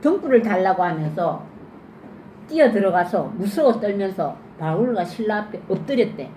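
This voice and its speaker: A female children's sermon teacher delivers an interactive Bible sermon in a church, lively questioning the kids and acting out scenes as she tells the story vividly. Her voice is medium-pitched at a normal speed. The recording has the echo of a church room with faint noise.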